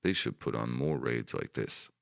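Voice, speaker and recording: A man voicing a frightened wartime soldier who cannot swim, blunt and shouting in an audiobook reading. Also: rumbling low, expressive, normal speed, creaky, no room sound, clean studio sound, full character voice. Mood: amazed.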